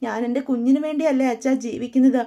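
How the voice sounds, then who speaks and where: A woman's voice: sits high, steady tone, fast talker, dark tone. A woman voicing a young man frantic with grief, pleading in desperate denial. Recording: dull lo-fi recording.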